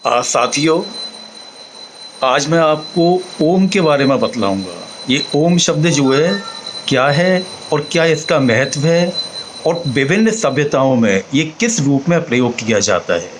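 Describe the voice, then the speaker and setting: A man teaching slowly, pausing to demonstrate each sound aloud. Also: on the high side, lively intonation, a little hiss or hum, rough recording. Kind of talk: explanatory talk on chanting.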